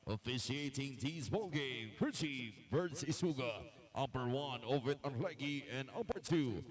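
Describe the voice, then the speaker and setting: A man's voice: mid-range voice, lively intonation. A man making a formal arena announcement, introducing starting lineups. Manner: slow, measured announcer cadence. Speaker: game announcer.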